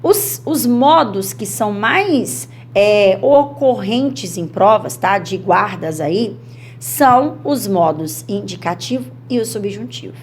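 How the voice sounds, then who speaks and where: A woman with a Brazilian Portuguese accent teaching an exam-prep grammar lesson, chatty and animated, acting out students' worries. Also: medium pitch, slow, a little hiss or hum.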